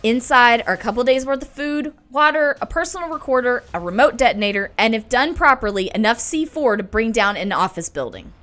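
Casting: actress for a hard-bitten female survivor boss in audio drama, sharp higher voice, forceful and sardonic. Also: expressive, a little fast, hardly any pauses. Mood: urgent, commanding. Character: tough, commanding, foul-mouthed female survivor leader.

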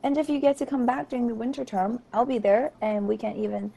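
Young woman, podcast host, bubbly, giggly, slightly high, vocal fry. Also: fairly even intonation, fast, warm tone. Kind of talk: casual chat.

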